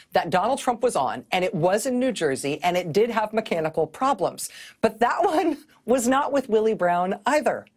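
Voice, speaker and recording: A middle-aged woman delivers television news commentary with a slightly husky, breathy edge. Her pitch swoops and rises animatedly as she builds her point. The tone is wry and sardonic, recorded close on a clean studio mic. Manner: wry, sardonic, often laughing mid-sentence.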